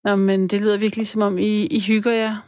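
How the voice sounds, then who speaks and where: A woman's voice: mid-range voice, level tone, darkish tone, dry recording, studio quality. A woman hosting a late-night phone-in show, asking questions and giving short encouraging replies. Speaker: radio host.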